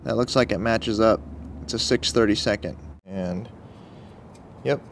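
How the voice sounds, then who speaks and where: A man's voice: fairly low pitch, unhurried, slight background noise. Man muttering through garage repairs. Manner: relaxed, muttering asides to himself. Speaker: vlogger working on a carburetor. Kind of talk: casual running commentary while working. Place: outdoor workshop table beside a truck.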